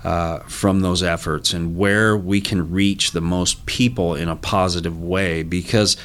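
A man speaking as an interview guest, a business executive talking earnestly and haltingly with frequent restarts. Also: deep voice, steady tone, fairly bright tone. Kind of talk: interview talk.

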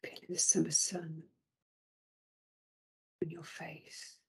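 A woman slowly guiding a relaxation meditation in a soothing voice, often dropping to a whisper. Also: low voice, completely flat delivery, creaky, breathy edge. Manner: slow, soothing, drifting into whispers.

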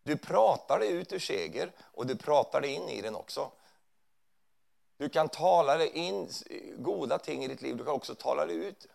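Gravelly guy preaching in a church, talks casual, keeps checking in w the room. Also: a little high, animated, darkish tone. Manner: conversational preaching with frequent tag questions. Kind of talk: sermon. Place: church hall.

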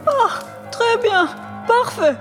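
A woman voicing an excitable, impatient old male professor who exclaims and stammers, reading a storybook aloud. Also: very high voice, slow, music in the background, pitched above the performer's own voice, full character voice. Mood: elated. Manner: exclamatory, stammering when caught out.

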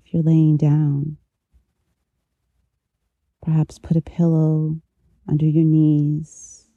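Very mellow, slow meditation guide, close in the ear. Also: mid-range voice, completely flat delivery, no echo, dull audio. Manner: slow, unhurried, gentle pauses. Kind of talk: guided meditation, soothing instruction.

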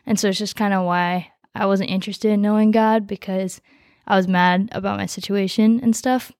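Monotone teenage girl telling her story. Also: mid-range voice, normal speed, no echo, clean studio sound. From United States. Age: teens. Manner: relaxed, rambling with fillers. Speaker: guest. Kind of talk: casual conversation, personal story.

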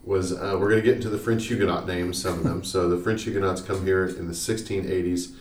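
A very deep-voiced man talks in a loose, rambling way, explaining local history as a podcast co-host. He sounds set back from the mic in an echoey small room, with faint noise under him. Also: fairly even intonation, fast, darkish tone, distant mic. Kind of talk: casual chat.

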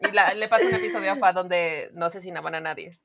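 A woman's voice: fairly low pitch, very animated, fast talker, fairly bright tone. A woman in a casual, slangy podcast chat who drops English phrases into her Spanish.

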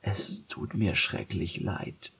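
A man voicing a greedy, sly farm cat in a storybook, speaking softly and pleadingly. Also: fairly low pitch, slow pace, slightly rough, pitched above the performer's own voice. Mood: contrite. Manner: soft, pleading.

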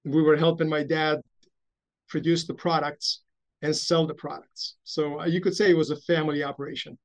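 A man in his fifties from Romania, a bank executive being interviewed, who tells his life story in a measured, anecdotal way with some self-deprecating humor. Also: a little high, flat delivery, rough recording. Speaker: guest, investment bank CEO.

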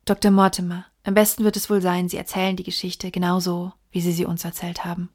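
A woman reading the part of a sharp male detective in an audiobook, in a measured, lecturing way. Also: fairly low pitch, monotone, natural voice. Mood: reasoning. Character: sharp, precise male detective explaining deductions.

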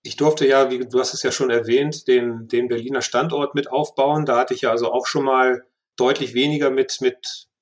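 Hesitant German sales director. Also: male voice, mid-range voice, fairly even intonation, moderate pace, hardly any pauses. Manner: hesitant, repeats words while thinking. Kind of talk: business interview.

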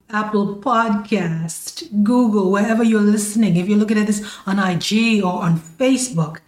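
A woman life coach speaks slowly and tenderly to her listeners, laughing often and leaning into words for emphasis. Her voice sits at a medium pitch. It is recorded in a room with noticeable echo. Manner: affectionate, calls listeners "my loves" and "baby". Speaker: life coach and podcast host. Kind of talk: motivational podcast monologue. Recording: echoey room.

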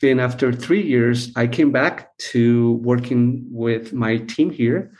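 A middle-aged man from Costa Rica, a missions team leader, calmly telling his life story as a podcast guest, with many pauses and "uh"s. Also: mid-range voice. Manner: measured, unhurried, with frequent "uh" pauses. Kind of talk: relaxed personal storytelling.

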